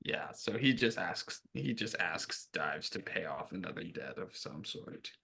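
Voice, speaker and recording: Bright-voiced man, wry player. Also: deep voice, lively intonation, measured pace, vocal fry, breathy edge. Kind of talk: in-character table talk.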